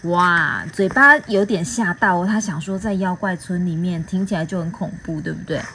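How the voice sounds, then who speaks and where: A woman reading a picture book aloud to a child in a gentle, sing-song way, often asking little questions. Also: on the low side, moderate pace, slight background noise. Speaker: storyteller host.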